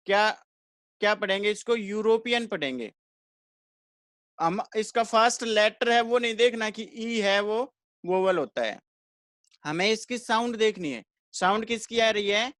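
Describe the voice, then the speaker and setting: A high-voiced man runs an online grammar lesson for English learners at a measured, even pace, repeating each rule. He questions the class, then answers himself, in a close, dry recording without echo.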